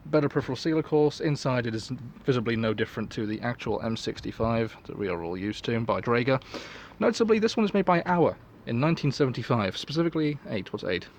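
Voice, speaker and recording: A man's voice: medium pitch, creaky, a little hiss or hum. A man giving a casual, unscripted product review in a rambling, offhand, sweary way. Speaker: collector and reseller reviewing gas masks.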